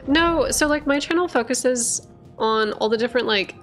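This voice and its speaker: A woman's voice: high voice, moderate pace, fairly bright tone, faint music behind. A woman hosting a livestream, chatting casually with viewers in a rambling way, full of filler words and self-corrections, tired after hours of streaming. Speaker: streamer and lore channel host.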